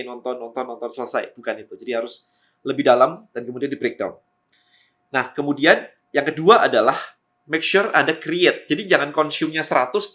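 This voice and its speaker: Fast-talking, bright-voiced man giving tips. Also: mid-range voice. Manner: fast-talking, lively, energetic. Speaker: content creator giving tips. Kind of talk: energetic how-to talk to camera.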